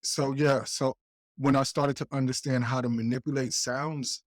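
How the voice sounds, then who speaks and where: A man's voice: medium pitch, fairly even intonation, dry recording, studio quality. Man interviewing over a video call. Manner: halting, with many restarts. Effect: heard over a video call, dropping out at times. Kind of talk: casual conversation.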